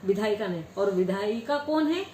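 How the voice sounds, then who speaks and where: A woman's voice: medium pitch, animated, moderate pace, a little mellow, a little hiss or hum. A woman giving a Hindi law lecture, asking questions and answering them herself. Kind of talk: classroom lecture. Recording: echoey room with faint ambience.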